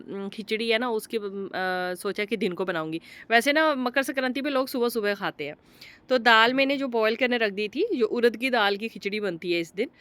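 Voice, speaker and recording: A woman's voice: fairly high pitch, a bit bright. A woman in her thirties, a mother and homemaker, narrating her day in a chatty, homely vlog voice-over with many fillers.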